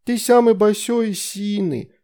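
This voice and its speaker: A man's voice: high-pitched, measured pace, a little mellow, voice pushed up. A man reading an audiobook, voicing a small earnest girl who lisps and stumbles over sounds. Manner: childish lisping syllables. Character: small girl demon summoner, sweet and earnest.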